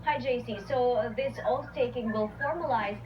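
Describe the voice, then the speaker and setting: Woman news anchor over clear background noise. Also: on the high side, moderate pace, muffled recording. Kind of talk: news anchoring, questioning a live reporter. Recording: noisy, distant broadcast sound.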